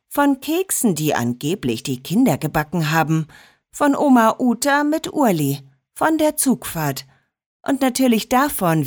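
A woman narrating a children's story in an expressive storytelling manner. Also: on the low side, no room sound, studio quality.

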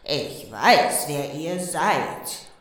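A woman voicing a gnome who fakes a spooky cellar ghost in a low, slow, booming voice. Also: animated, heavy reverb, distant mic, full character voice. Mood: menacing.

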